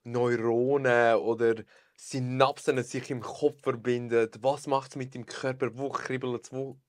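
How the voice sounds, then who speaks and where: A young man with a Swiss German accent, chatting openly as a podcast guest, expressive and sprinkling in English phrases. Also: medium pitch, measured pace, no echo. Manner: expressive, mixes English phrases, laughs often. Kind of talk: casual chat.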